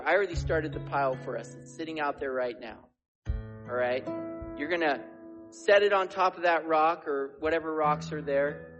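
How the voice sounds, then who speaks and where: A pastor giving a conversational sermon at a pulpit microphone in a church, often asking the congregation to agree with him. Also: male voice, on the high side, a bit bright, low-quality recording. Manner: conversational, asks the crowd to agree. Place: church sanctuary.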